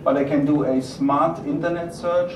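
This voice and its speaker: A man with a strong German accent, a native German speaker, presenting a product and answering questions in a halting way, repeating himself. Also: on the high side, steady tone. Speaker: company presenter taking audience questions. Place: roomy event venue. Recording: echoey, noisy room from far off.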